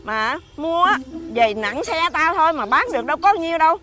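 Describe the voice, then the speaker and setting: Loud scolding southern aunt who buys scrap, very high bright voice. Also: female voice, animated. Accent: Southern Vietnamese. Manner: scolding, calls out her wares in a drawn-out street cry. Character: brash, sharp-tongued scrap-buying aunt. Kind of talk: rural family TV drama.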